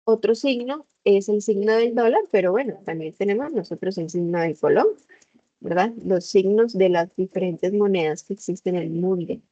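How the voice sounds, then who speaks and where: A woman teaching a lesson over a video call, explaining slowly and putting questions to the class. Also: medium pitch, warm tone, no echo. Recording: slightly dull video call audio.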